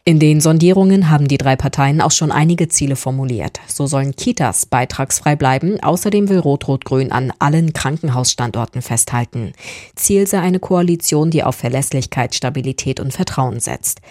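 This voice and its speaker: A woman's voice: sits low, normal speed, mellow, no room sound, studio quality. A woman delivers a scripted news report as a reporter.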